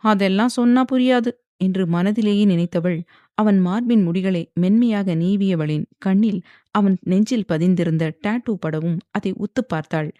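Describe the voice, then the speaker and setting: Casting: a woman reading a romance novel, steady and close-miked. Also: mid-range voice, normal speed, dry recording, dull audio. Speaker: audiobook narrator.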